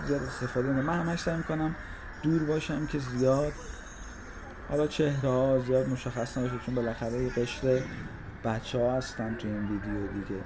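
A man in his thirties from Iran narrates a walking tour, his talk easy and nostalgic at an ordinary middle pitch. He walks outdoors past schools, recorded on a handheld camera. Traffic and street ambience come through clearly behind him. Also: fairly even intonation. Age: 30s. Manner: reflective, nostalgic, conversational. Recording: street noise clearly audible.

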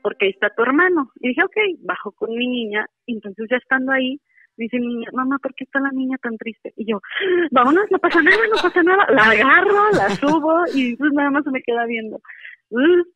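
Phoning in with a story, this woman speaks a little fast in a high, expressive, fairly bright voice, and there's no room sound. Her telling is casual and chatty, full of fillers like "este." The call comes through a tinny line with background music.

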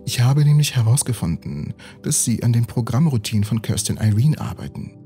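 A man voicing a poised, earnest young woman scientist in a calm, measured way. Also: mid-range voice, soft background music, natural voice.

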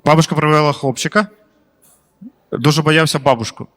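A man's voice: on the high side, steady tone, brisk, a bit bright, big-room sound. A male stand-up comedian doing crowd work in a comedy club, chatty and slangy, swearing freely.

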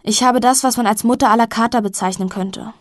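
A woman's voice: a little high, steady tone, a little fast, no room sound, studio quality, close to an everyday voice. A woman reading the part of a hungover young man who talks in a stiff, formal way, as if reading out an apology.

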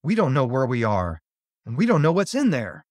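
A man's voice: medium pitch, huge pitch swings, moderate pace, darkish tone, no room sound, clean studio sound. A man voicing a bossy, anxious older sister, a young girl who speaks in a raised, urgent, pleading way. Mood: firm.

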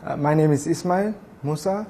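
A man's voice: fairly high pitch, normal speed, dark tone, a little hiss or hum. A man from Botswana giving an articulate interview testimonial in a studio on a lapel mic. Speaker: training course participant. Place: indoor studio with grey backdrop. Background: music bed.

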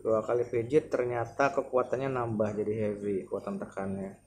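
Testing a massage chair indoors at home, this thirtysomething man with a Jakarta Indonesian accent thinks out loud in a loose, tentative product demo. His voice is medium-pitched, steady, and darkish at normal speed, and the recording carries clear background noise and room ambience.

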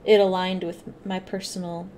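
A woman's voice: fairly low pitch, level tone, moderate pace, darkish tone, slight background noise. A woman streamer giving casual, joking, crude commentary over a game.

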